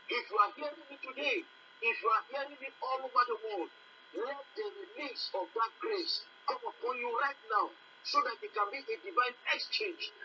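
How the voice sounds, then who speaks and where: Preacher for fundraising sermon: medium pitch, intensely bright and tense, emphatic repeated appeals, muffled lo-fi capture with slight noise. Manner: emphatic, repetitive exhortation. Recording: distant mic, dull lo-fi, faint noise.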